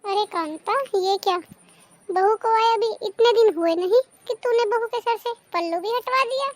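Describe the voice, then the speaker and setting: A woman's voice: extremely high pitch, normal speed, poor audio. Woman voicing a nosy, critical cartoon auntie. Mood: disapproving. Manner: preachy, disapproving. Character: meddling older aunt, nosy and critical.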